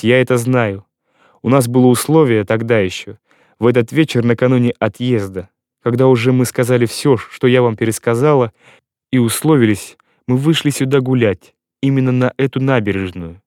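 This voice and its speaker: Brief: emotional young woman read by a man, pleading, mid-pitched, dry studio sound. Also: moderate pace, a little mellow, no echo, close to an everyday voice. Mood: tearful. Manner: pleading, tearful.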